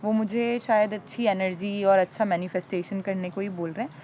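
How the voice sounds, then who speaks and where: A woman's voice: mid-range voice, flat delivery, brisk, a little mellow. A woman from India speaking earnestly and personally as a podcast co-host, mixing English words into her speech. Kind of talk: conversational podcast talk. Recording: dull lo-fi audio with faint traffic noise.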